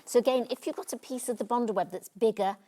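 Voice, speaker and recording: A woman's voice: on the high side, fast talker, warm tone, slight background noise. A woman giving a casual live craft demonstration, talking informally through what she is doing. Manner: chatty, informal, self-narrating. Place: TV studio.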